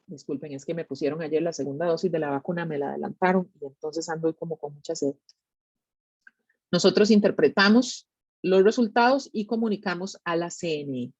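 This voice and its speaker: A woman's voice: low voice, fairly quick, darkish tone, husky, no room sound, lo-fi sound. A woman with a Costa Rican Spanish accent giving an explanatory educational talk in a conversational way, often checking in with short tag questions. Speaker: tsunami monitoring specialist giving a public talk.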